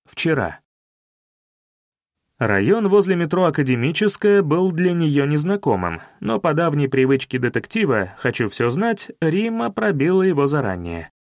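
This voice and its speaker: A man narrating a detective audiobook with a wry, measured delivery. His voice sits somewhat high for a man. The recording is dry and close, with no room sound at all. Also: big pitch swings, no echo. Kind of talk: scripted narration of a detective novel.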